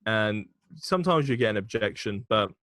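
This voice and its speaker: A man's voice: on the low side, expressive, normal speed, a bit bright, no room sound. Frank, chatty man. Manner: chatty, frank, swears casually, laughs often. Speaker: podcast guest, agency founder. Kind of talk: casual podcast chat.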